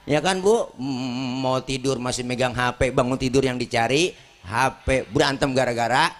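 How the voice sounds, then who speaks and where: A man with a Betawi Jakarta accent giving a lively sermon at a community gathering, joking and talking back to the crowd. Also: mid-range voice, moderate pace. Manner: animated, jokey, talks back to the crowd. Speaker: preacher.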